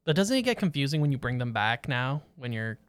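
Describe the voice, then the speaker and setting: A man co-hosting a podcast in casual chat, talking fast and eagerly and often over his co-host. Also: medium pitch, clear, resonant tone, no room sound. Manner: excited, rapid, talks over his co-host.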